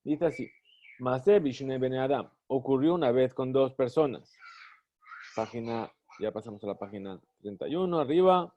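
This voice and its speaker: A man teaching a class, reading phrases of a text slowly and translating each one. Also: medium pitch, mellow. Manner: reads Hebrew phrases slowly, then translates. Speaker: Talmud teacher. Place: study hall. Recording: dull lo-fi recording.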